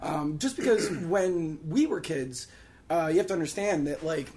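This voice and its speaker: A man's voice: a little high, lively intonation, normal speed, darkish tone. Chatty laughing man hosting a podcast. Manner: chatty, swears freely, laughs often. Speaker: podcast host. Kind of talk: casual podcast chat.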